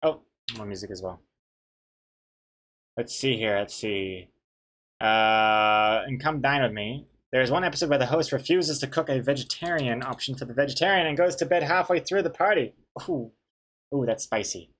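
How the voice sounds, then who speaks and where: A man with a medium-pitched voice talks casually to a livestream, rambling in a playful, easily amused way. He has a speech trait where his R sounds come out like W. The delivery is unscripted and conversational. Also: moderate pace, fairly bright tone. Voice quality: cannot pronounce R properly, says w for r. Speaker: comic artist and streamer. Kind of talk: casual livestream chat while drawing.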